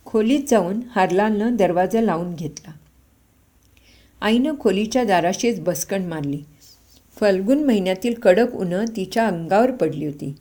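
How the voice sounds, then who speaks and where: A woman reading a short story aloud as a storyteller, in steady narration with the characters' lines spoken in quotes. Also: medium pitch, moderate pace.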